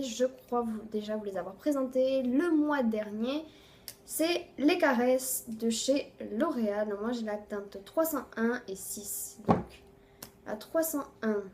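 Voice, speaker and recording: A woman beauty vlogger casually reviewing her monthly favorites, chatty, filling pauses with "voilà" and often trailing off softly at the ends of phrases. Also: fairly high pitch, slight background noise.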